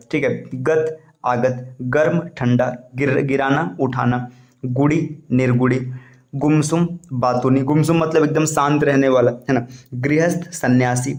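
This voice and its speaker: Male tutor, slightly high voice, steady list reading over slides, roomy echo. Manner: reads word pairs in a steady list, adding short explanations. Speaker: Hindi exam tutor. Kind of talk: slide-based vocabulary lesson.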